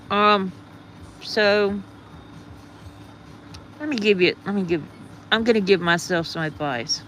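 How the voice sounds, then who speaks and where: A woman's voice: on the low side, fairly bright tone, a little hiss or hum. A woman hosting a livestream with a groggy morning voice, rambling casually and greeting her viewers. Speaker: livestream host.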